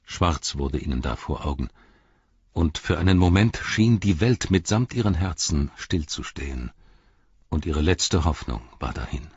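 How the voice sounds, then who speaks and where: A man narrating a fantasy audiobook in a calm, measured reading voice. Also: extremely low pitch, breathy edge, no room sound, highs cut off.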